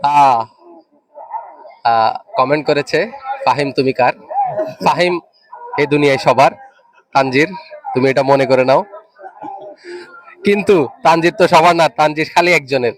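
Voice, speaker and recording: A man with a Bangladeshi accent giving live football commentary, excitable play-by-play peppered with interjections. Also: a little high, unhurried, pauses often, crowd noise, rough recording. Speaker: second-half football commentator.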